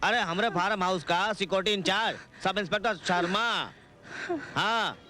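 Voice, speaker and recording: A crude politician. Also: male voice, sits high, moderate pace, sharp tone, slight background noise. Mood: bossy. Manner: boastful, bossy, rustic speech. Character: crude lecherous middle-aged male politician. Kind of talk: Hindi film dialogue.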